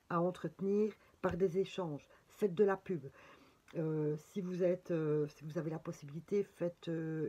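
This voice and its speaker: A woman's voice: fairly low pitch, warm tone, breathy edge. Chatty Belgian woman reading tarot cards. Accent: Belgian French. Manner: chatty, full of fillers and exclamations. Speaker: tarot reader. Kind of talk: casual horoscope reading.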